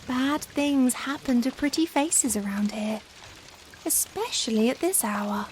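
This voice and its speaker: Woman as a slow, high-voiced, genteel Victorian vampire lady. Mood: tender concern. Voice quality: soft, gentle. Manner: formal, genteel, unhurried old-fashioned phrasing. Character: young charming female Victorian vampire, genteel and caring. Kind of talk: softly spoken roleplay ASMR. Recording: steady rain noise behind the voice. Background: rain ambience.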